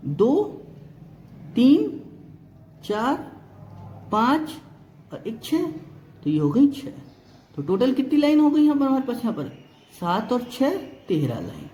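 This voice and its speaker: A man's voice: extremely high pitch, big pitch swings, unhurried, long pauses, a little mellow, roomy sound. A male reasoning teacher giving an exam-prep lesson, explaining step by step, counting items aloud and often checking whether students follow.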